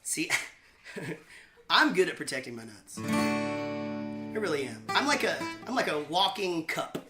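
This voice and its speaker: A man hosting his own show, chatting and telling rambling, self-mocking stories between songs with deadpan jokes. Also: fairly high pitch, a little slow. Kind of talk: casual banter between songs. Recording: roomy echo with faint guitar.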